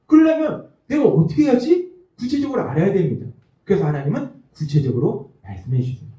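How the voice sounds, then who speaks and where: A man's voice: sits high, a little mellow. A man preaching a sermon as pastor, emphatic and repetitive, stressing key phrases and acting out small everyday dialogues. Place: church sanctuary. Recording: echoey church hall, voice from a distance.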